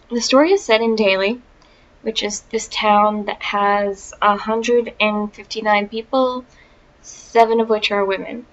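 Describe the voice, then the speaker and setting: A woman with a gravelly, fry-tinged voice talks slowly through a casual book review, wry and chatty with plenty of ums. The recording is dull and lo-fi, with a faint hiss behind her. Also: mid-range voice. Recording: dull lo-fi sound with faint noise.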